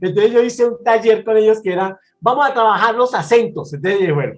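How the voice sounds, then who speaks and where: A man with a Bogotá Colombian accent and a fairly high voice talks about his storytelling craft. He sounds animated and expressive, and he often restarts his phrases as he goes. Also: a little fast, rough recording. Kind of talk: casual interview talk.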